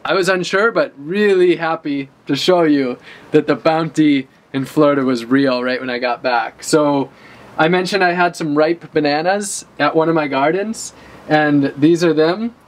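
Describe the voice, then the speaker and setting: A vlogger in his thirties gives an enthusiastic, casual walk-through of his outdoor urban garden, then moves indoors by a bookshelf, talking, gesturing and eating as he goes. His voice is on the high side at a moderate pace, with traffic noise outside in the background.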